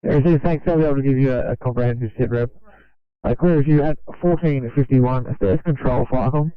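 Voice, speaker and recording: Man, emergency radio operator, crackly walkie-talkie, very narrow band, smooth mid voice, dry, polite procedure. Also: mid-range voice, fairly quick, dry recording. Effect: crackly walkie-talkie radio transmission. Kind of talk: emergency two-way radio communication. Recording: crackly, phone-thin two-way radio.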